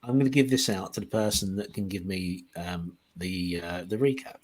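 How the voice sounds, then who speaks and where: A man's voice: low voice, normal speed, darkish tone. A man hosting a casual tabletop game livestream as game master. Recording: clearly noisy background.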